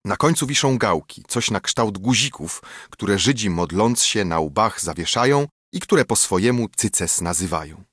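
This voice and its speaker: Low husky man reading epic verse. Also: expressive, fairly bright tone, no room sound, clean studio sound. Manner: measured, rhythmic poetry recitation. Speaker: audiobook narrator.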